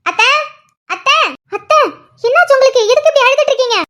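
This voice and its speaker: A woman's voice: very high-pitched, fast, fairly bright tone. A woman voicing a cheerful, chatty young niece in a cartoon drama, reassuring and laughing.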